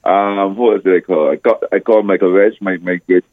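An older man calling into a radio show as a guest musician, with a deep morning voice, telling a rambling story full of restarts. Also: fairly even intonation, fairly quick, no echo, phone-quality sound. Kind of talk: phone-in radio interview.

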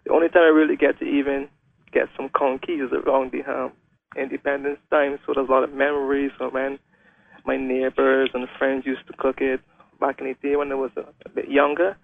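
A man's voice: mid-range voice, level tone, fairly quick, vocal fry, dry recording. A young man from Guyana, a wheelchair racer talking hesitantly as a guest in a radio interview. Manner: hesitant, many "um"s and restarts. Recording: phone-line radio call.

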